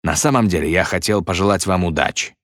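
A man's voice: deep voice, quick pace, a bit bright, no echo, clean studio sound. A man voicing a vain, boastful male stage magician who gloats and sneers theatrically. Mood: gloating.

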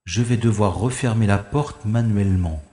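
Warm, fairly low and close to an everyday voice, this man talks at a normal pace with a wry, reassuring air. In a French audio drama he voices a gallant, wry adventurer saving a young woman, giving formal first-person narration as he thinks aloud, over music in a long-reverb, echoey space.

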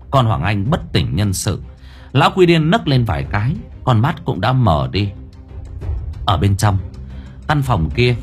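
A man narrating a horror audiobook with expressive, dramatic storytelling. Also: mid-range voice. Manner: expressive storytelling with vivid sound words.

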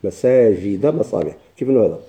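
Very dark-voiced man teaching grammar. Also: medium pitch, expressive, brisk. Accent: Moroccan Arabic. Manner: explains step by step with rhetorical questions and repetition. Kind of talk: classroom grammar lesson.

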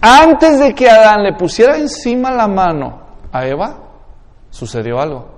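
A man's voice: sits high, sing-song, a little slow, long reverb tail. A man with a Mexican accent preaching an expository sermon in a conversational way, often asking the congregation questions. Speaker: pastor.

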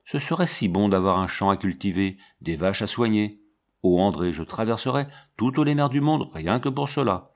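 A man's voice: on the low side, lively intonation, normal speed. A man voicing an eager, earnest young boy in a storybook reading.

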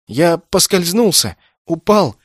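A man's voice: a little high, sing-song, takes it slowly, slightly rough, no room sound, studio quality, pitched above the performer's own voice, heavily acted. A man voicing a frightened, tearful boy of about ten who whimpers and sniffles between words.

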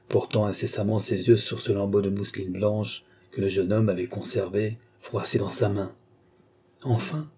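Husky low-voiced male audiobook narrator. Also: mellow. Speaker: audiobook reader. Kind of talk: dramatic novel reading.

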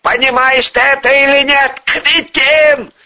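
A man voicing a hot-tempered, domineering male oligarch who yells and swears threats. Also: on the high side, very animated, unhurried, husky, pitched above the performer's own voice, heavily acted. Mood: furious. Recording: dull lo-fi recording.

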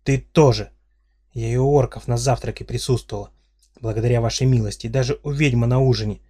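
Man reading a fiery young heroine, husky, indignant, bickering, audiobook. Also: medium pitch, fairly even intonation, fast talker, dark tone, lightly acted. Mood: angry. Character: sharp-tongued young heroine, quick to anger.

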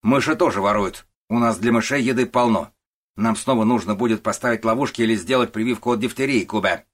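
Brief: shouting, scolding male boss, pitched up and loud, read by a male narrator. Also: brisk, close to an everyday voice. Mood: angry, bossy. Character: shouting, bullying middle-aged male warehouse boss.

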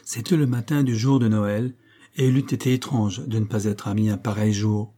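Dark-voiced male audiobook narrator. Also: on the low side, steady tone, moderate pace. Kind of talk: scripted literary narration.

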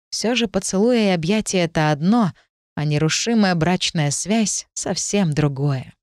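Woman audiobook narrator, first person, measured delivery, dry booth sound. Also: lowish voice, darkish tone, no echo.

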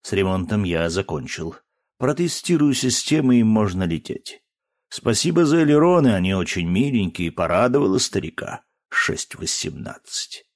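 A man voicing a playful old spaceship artificial intelligence in an audiobook, with a pleasant baritone and a familiar, self-mocking manner. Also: very animated, normal speed. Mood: businesslike, friendly.

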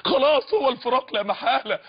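Man, Egyptian Arabic accent, fervent preacher, husky voice, muffled lo-fi recording. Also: extremely high pitch, fast talker. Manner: fervent, rhetorical, repeated questions. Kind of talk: sermon. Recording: dull lo-fi recording.

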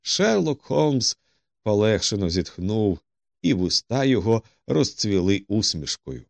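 Expressive low-voiced male narrator. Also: measured pace, vocal fry, no echo. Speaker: audiobook narrator. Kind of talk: scripted audiobook narration.

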